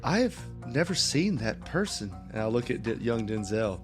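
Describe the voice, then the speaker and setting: A man's voice: mid-range voice, sing-song, normal speed, over music. A man playing a tabletop role-playing game with casual banter, in and out of character.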